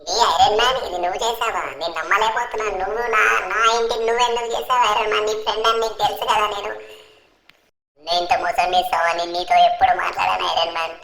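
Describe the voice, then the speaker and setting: A panicky young man, played by a woman, pleading over and over at a rapid pace. The voice has a gravelly, creaky edge. It is recorded in a roomy, echoey space with faint music in the background. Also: mid-range voice, steady tone, a bit bright. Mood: betrayed. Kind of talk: gaming cartoon voiceover.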